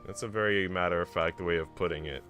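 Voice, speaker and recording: During a live stream, a low-pitched, fast-talking man with a slightly bright voice alternates between reading a story aloud and casually chatting with viewers. Background music runs behind his speech.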